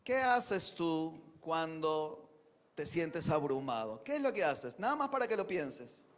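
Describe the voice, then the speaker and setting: A man from Peru delivers a sermon in a notably high voice. He is earnest, building to emphatic declarations and then dropping into soft reflective asides. He often throws rhetorical questions at his congregation. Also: sing-song, measured pace. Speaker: preacher.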